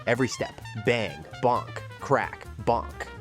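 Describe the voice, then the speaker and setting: A man's voice: mid-range voice, huge pitch swings, takes it slowly, over music. A man narrating a commentary video in a sarcastic, dramatic scripted style. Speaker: YouTube commentator.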